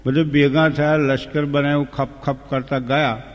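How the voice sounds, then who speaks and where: A man's voice: a little high, level tone, moderate pace, muffled recording. A man retelling an old epic as a folk storyteller, homely and humorous, breaking into sung verses. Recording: long hall reverb.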